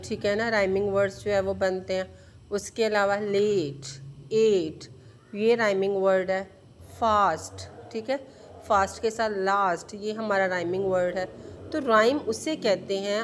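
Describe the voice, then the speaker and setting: A woman teacher giving an online English lesson to young students. She explains patiently, often asks questions, repeats words, and mixes Urdu-Hindi with English words. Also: mid-range voice.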